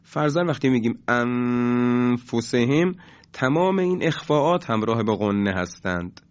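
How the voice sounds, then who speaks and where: A man teaching Quran recitation in a recorded lesson, his voice sitting at an ordinary middle pitch. He explains each point in a measured, patient way, with hesitant fillers between phrases. The recording sounds dull and lo-fi, with the top end muffled. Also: lively intonation.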